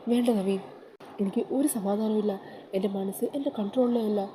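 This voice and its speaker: A woman's voice: mid-range voice, fairly even intonation, a little fast, warm tone, slight background noise, lightly acted, poor audio. A woman voicing a frightened young wife who pleads and gets upset, sure a snake haunts her.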